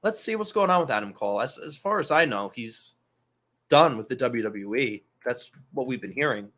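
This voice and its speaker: A man's voice: mid-range voice, lively intonation, normal speed, a bit bright. A man hosting a casual wrestling talk show, loose and profane, rambling through asides. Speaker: podcast host.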